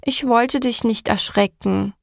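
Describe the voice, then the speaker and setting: A woman voicing a young boy who apologizes and grumbles, in a higher, small voice. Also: measured pace, creaky, dry recording, studio quality. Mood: apologetic. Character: young boy, sheepish and hurt.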